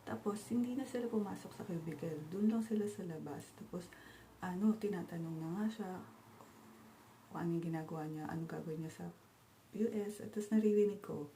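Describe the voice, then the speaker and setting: A woman's voice: on the low side, a little fast, warm tone, a little hiss or hum. A woman from the Philippines, telling her story in a casual vlog, chatty and switching between languages with many fillers. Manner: chatty, mixes Tagalog and English, frequent "and then" fillers. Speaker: travel vlogger.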